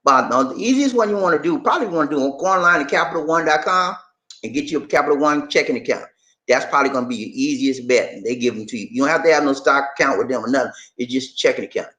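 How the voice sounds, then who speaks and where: This Charleston, South Carolina livestream host speaks in a mid-range voice that's animated, quick, bright and forceful. His Southern Gullah Geechee accent colors a casual, colloquial chat with viewers, and he tends to say things more than once.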